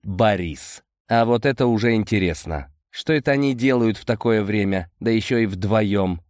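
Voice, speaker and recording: A man with a fairly low voice tells a first-person audiobook story at a steady, measured pace. The recording is dry and close-miked. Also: no echo. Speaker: audiobook narrator. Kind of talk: scripted first-person narration.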